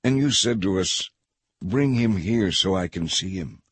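A man's voice: deep voice, animated, measured pace, a bit bright, breathy edge, no room sound, full character voice. A man doing a desperate pleading brother.

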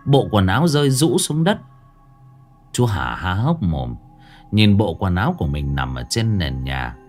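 A man's voice: low-pitched, very animated, measured pace, darkish tone, faint music behind. A man narrating a ghost story in a folksy storytelling manner.

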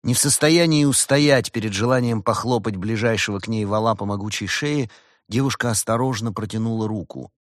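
A man narrating an audiobook in an expressive storytelling manner. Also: lowish voice, dry recording, studio quality. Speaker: audiobook reader.

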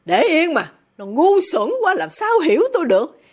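A woman reading the part of a furious, greedy middle-aged businessman father, shouting and contemptuous. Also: a little high, sing-song, normal speed. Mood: raging.

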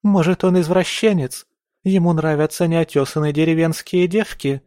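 A man playing a shrill, tearful spoiled young lady. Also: moderate pace, darkish tone, no room sound, clean studio sound, natural voice. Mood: raging. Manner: whiny, hysterical, raised voice.

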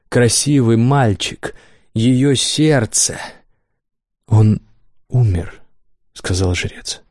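Male audiobook narrator, deep-ish warm tone, dry booth sound, steady dramatic delivery. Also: no echo. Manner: measured dramatic reading. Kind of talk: scripted narration.

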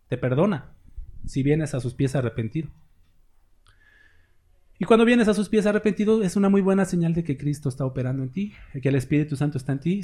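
A man preaches a sermon in a mellow, slightly husky voice. He speaks in an earnest, folksy way, slipping into quoted dialogue and chuckling between points. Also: mid-range voice. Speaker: pastor.

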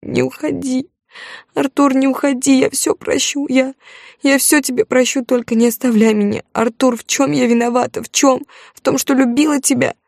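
A woman reading an audiobook, voicing a jealous, hysterical young wife in a raised, shrill voice. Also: fairly even intonation, moderate pace, creaky, a little mellow, no echo, studio quality. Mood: pleading.

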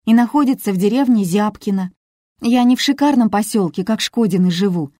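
Woman doing a defensive young woman, higher, earnest, dry sound. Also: fairly quick, dark tone, no room sound, natural voice.

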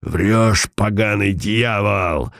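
A man voicing a vicious old bandit who rasps and snarls his words out slowly. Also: sits low, expressive, a little mellow, no echo, studio quality, heavily acted. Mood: snarling. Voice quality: hoarse, rasping.

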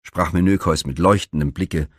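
A man reading the part of an eager, brave young prince in a myth storybook, reassuring quickly and willingly. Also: sits low, dry recording, studio quality, voice pushed down.

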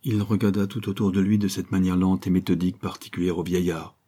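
Brief: male audiobook narrator, mellow and husky, measured reading. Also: low-pitched, little pitch movement. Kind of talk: scripted first-person narration.

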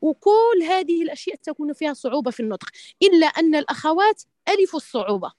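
A woman's voice: sits high, big pitch swings, racing, darkish tone, dry recording, studio quality. A woman teaching Quran recitation in an online lesson, speaking hesitantly with many restarts and pious interjections. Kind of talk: online tajweed lesson answering questions.

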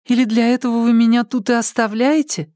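A man's voice: very high-pitched, little pitch movement, fairly quick, a little mellow, no echo, studio quality, pitched above the performer's own voice. A man voicing an anxious, impulsive young woman who keeps pleading and asking questions in an audiobook.

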